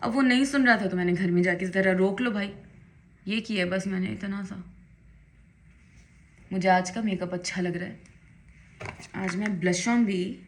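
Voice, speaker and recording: A young woman from Pakistan chats into her phone camera as she does her makeup at home. Her voice is bright, and her talk is emphatic, sometimes pushing into indignant bursts. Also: medium pitch, slight background noise. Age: young adult. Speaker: vlogger. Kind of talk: casual get-ready-with-me vlog chat.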